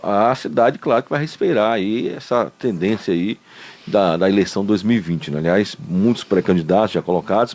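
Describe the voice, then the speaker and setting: A man's voice: lowish voice, darkish tone. A man hosting a radio interview, speaking in a chatty, conversational way. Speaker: radio show host.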